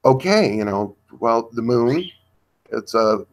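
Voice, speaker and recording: During a livestream discussion, a man talks in a deliberately slow, halting, thoughtful way, pausing often to search for words. His mid-range voice sits in an ordinary register and is expressive.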